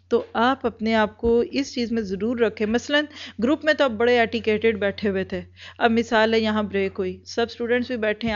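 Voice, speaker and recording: A woman in an earnest instructional talk, training group leaders and driving points home with repeated everyday examples. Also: medium pitch. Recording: dull lo-fi recording.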